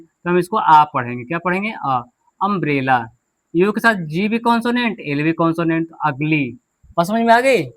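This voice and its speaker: High-voiced man teaching. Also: fairly bright tone. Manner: drills with repeated questions and answers. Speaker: English teacher. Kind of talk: classroom pronunciation lesson.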